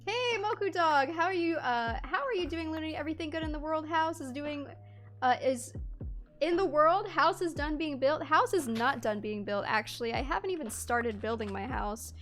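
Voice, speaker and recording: A woman's voice: high voice, lively intonation, normal speed, fairly bright tone. A Canadian-born woman streaming a game, chatting casually and reading chat aloud, laughing often.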